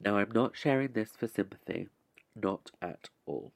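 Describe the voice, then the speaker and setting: Creaky, low-voiced man in measured monologue. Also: no echo, clean studio sound. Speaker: podcast host. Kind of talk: scripted relaxation podcast monologue.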